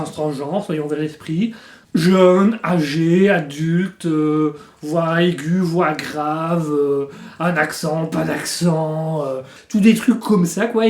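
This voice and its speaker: Rambling self-mocking man, echoey room. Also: a little high. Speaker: channel host. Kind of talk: comic improv vlog. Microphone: facing the camera.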